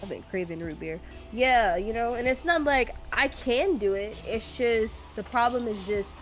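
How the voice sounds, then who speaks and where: A woman with a fairly high, unhurried voice streams a game with soft music playing in the background. Her chatter is casual, rambling and hesitant, full of laughter, with a slightly stuffy quality.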